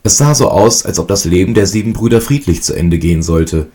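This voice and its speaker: A man with a very low voice reads an old fairy tale aloud. His delivery is calm and even, steady storytelling throughout. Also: a little fast. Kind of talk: storybook reading.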